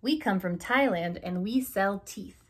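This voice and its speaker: A young woman sits in a small room beside a curtained window, reading a kids' alphabet picture book out loud. She takes it slow and deliberate, hitting each opening letter hard, in a slightly rough, medium-pitched voice.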